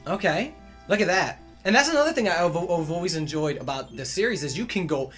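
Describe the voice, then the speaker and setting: Stammering excitable man chatting games. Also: high-pitched, a little fast, soft background music. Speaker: co-host of a gaming channel. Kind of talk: casual gaming chat.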